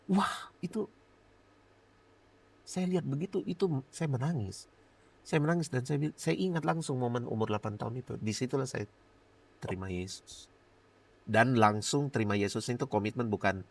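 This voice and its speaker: A middle-aged male pastor giving a lively personal testimony in a podcast interview, laughing often and acting out his own prayers. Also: medium pitch, creaky.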